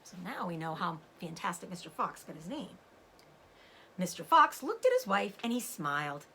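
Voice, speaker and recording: Her voice sits on the low side with a breathy edge, and she keeps a moderate pace while reading a children's story aloud. Animated and teacher-like, this read-aloud host stops to explain words to the young listeners.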